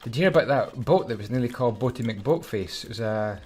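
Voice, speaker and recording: A Scottish Minecraft YouTuber chats casually while building a game level, humming and muttering to himself as he concentrates. His mid-range voice is expressive, a little mellow, and fast. Faint music plays in the background.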